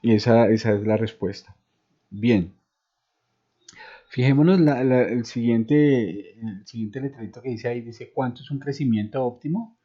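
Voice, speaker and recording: A middle-aged university lecturer gives an online lecture over a video call, explaining with homely examples and many "eh" fillers. His mid-range voice is warm and unhurried, though the call audio sounds dull and lo-fi.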